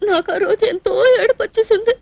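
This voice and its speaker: A woman's voice: very high voice, steady tone, fast, no echo, lo-fi sound. An actress dubbing a film scene, playing a bashful, lovesick young woman who turns tearful and pleading. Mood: sad. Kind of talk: dubbed film dialogue.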